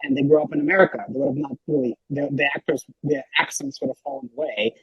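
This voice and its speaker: A man talking as a podcast guest, rambling and animated, with lots of filler words and a husky voice. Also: mid-range voice, fast, no echo, lo-fi sound. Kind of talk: casual podcast chat.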